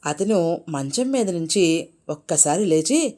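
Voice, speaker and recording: Woman narrator for a folk tale, lower voice, lively and expressive. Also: takes it slowly. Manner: expressive, animated reading. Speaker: storyteller. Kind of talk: storybook narration.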